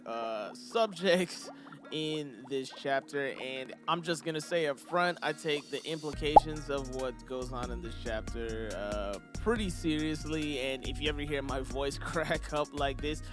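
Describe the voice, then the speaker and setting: A man's voice: on the high side, a little slow, music in the background. A man hosting a casual chapter review, talking in a laid-back, slangy way straight to his viewers. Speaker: anime channel host.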